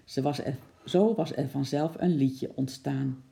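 A reader calmly narrating a children's storybook in a gentle storytelling manner. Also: mid-range voice, measured pace, creaky.

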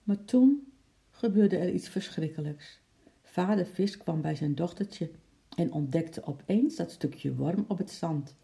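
A storyteller reading a children's story aloud in a lively, expressive way, with sound effects. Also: mid-range voice, a little slow, gravelly.

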